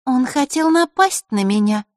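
A woman's voice: sits high, animated, moderate pace, no echo, studio quality, voice pushed up. A woman voicing a scheming teenage girl who taunts her rival in a sneering way. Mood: mocking.

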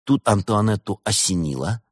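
A man narrating an audiobook in an expressive, animated reading. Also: fairly low pitch, normal speed, slightly rough, dry recording, clean studio sound.

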